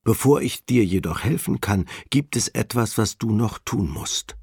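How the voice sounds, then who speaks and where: A man reading the Lord, calm and patient. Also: on the low side, unhurried, vocal fry, breathy edge, no echo, studio quality, full character voice.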